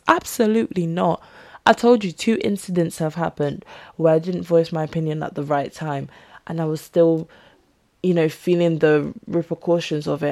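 A woman's voice: lowish voice, gravelly, mellow. A young woman hosting a podcast, talking candidly in a rambling, casual monologue and acting out the voices she quotes. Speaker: podcast host.

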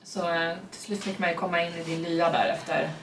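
A woman in casual conversation, speaking in a relaxed way with frequent hesitations. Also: on the low side. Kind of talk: casual chat. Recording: roomy and distant with faint noise.

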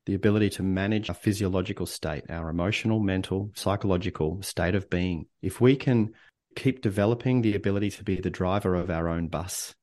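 A man coaching on leadership as a podcast guest, speaking in a calm, reflective, earnest way. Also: deep voice, brisk. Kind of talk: casual podcast interview.

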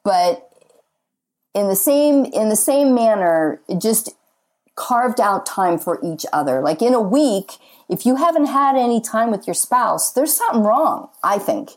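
A woman's voice: fairly high pitch, expressive, a little slow, darkish tone. A woman in her fifties, a guest talking earnestly and chattily about faith and marriage, with many casual fillers. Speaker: podcast guest.

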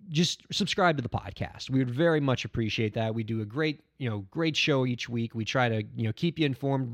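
Lively man hosting a podcast solo. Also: mid-range voice, no echo, clean studio sound. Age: 30s. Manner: animated, rambling, self-mocking. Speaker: podcast host. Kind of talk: casual solo podcast talk.

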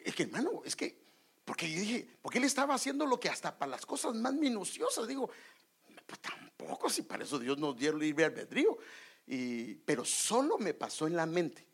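Raspy, gravelly Guatemalan preacher man. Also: a little high, brisk. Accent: Guatemalan Spanish. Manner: animated storytelling, drops to whispers for inner thoughts. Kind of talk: sermon with personal story.

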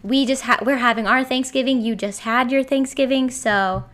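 A woman hosting a casual chat over a video call, bubbly and quick to giggle. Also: fairly high pitch, fairly even intonation, fairly bright tone. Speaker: podcast host.

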